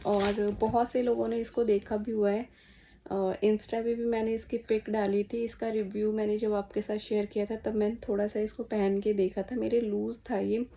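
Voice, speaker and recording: A woman's voice: mid-range voice, little pitch movement, normal speed, gravelly, mellow. A young woman vlogging from her home in a chatty, casual way, talking straight to her viewers. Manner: chatty, addresses viewers as guys, talks sweetly to her small son. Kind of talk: casual chat to camera. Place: at home indoors.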